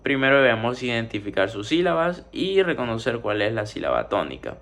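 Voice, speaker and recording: A man teaching a spoken grammar lesson, methodically working through numbered exercises and drawing out syllables as he splits words. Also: mid-range voice. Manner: steady explaining, drawn-out syllables.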